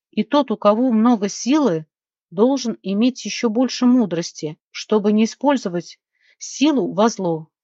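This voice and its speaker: Stern grave high fairy, measured speech, read by a woman narrator; dry muffled storybook recording. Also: a little mellow, dry recording, lightly acted.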